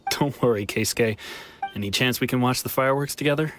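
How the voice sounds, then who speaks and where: Man acting a wistful game runaway, mid-pitched. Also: a little fast, a bit bright, slight background noise, natural voice. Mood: surprised, concerned. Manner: earnest, reflective. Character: wistful male runaway returning to his homeland. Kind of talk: scripted video game dialogue.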